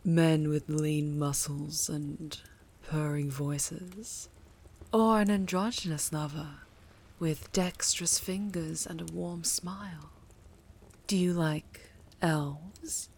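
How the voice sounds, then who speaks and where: Woman doing a slow, whispery otherworldly patron, teasing and possessive, kinda breathy. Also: low-pitched, fairly even intonation, a little mellow, heavily acted. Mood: sultry teasing. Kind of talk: audio roleplay.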